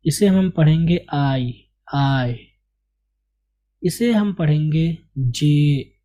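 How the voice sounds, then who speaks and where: A man teaching an English lesson, speaking slowly and repeating each letter with questions to the learner, in Hindi with many Urdu words. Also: a little high, warm tone. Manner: Urdu-flavoured Hindi speech.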